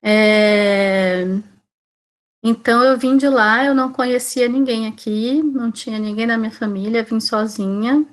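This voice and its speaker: Her voice sits a little high and moves at a measured pace. This woman in her forties, a teacher from Salvador, Bahia, in Brazil, chats informally online about her career, frequently tossing in tag questions to check in.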